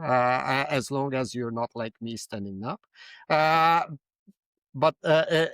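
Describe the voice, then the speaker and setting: A man moderating a panel discussion, courteous and hesitant, with many pauses and restarts. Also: medium pitch, no room sound.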